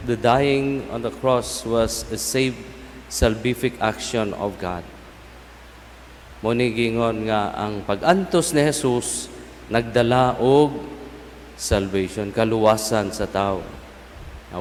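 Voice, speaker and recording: A Filipino man, a native Cebuano speaker, preaching as a priest in a solemn, measured way with pauses between short phrases. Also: mid-range voice. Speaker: priest giving a homily. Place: large church, speaking through a sound system. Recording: long basilica echo, some background noise.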